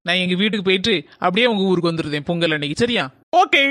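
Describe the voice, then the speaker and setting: Man doing a young cartoon guy, Kanyakumari accent, bright tone, dry sound. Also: high-pitched, expressive, racing, dry recording. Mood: bickering. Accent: Kanyakumari Tamil. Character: chatty young office worker man.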